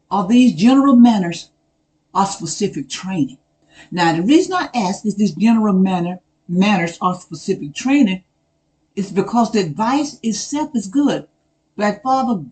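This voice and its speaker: A man giving casual spoken commentary. He talks in an earnest, measured way, keeps asking rhetorical questions, repeats phrases for emphasis and addresses people directly. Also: high-pitched, darkish tone, low-quality recording. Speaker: video commentator.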